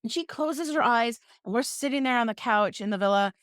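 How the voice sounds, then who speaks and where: A woman's voice: on the high side, brisk, fairly bright tone, no room sound, clean studio sound. A woman hosting a podcast, telling a story in a playful, self-mocking, casual way. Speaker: podcast host.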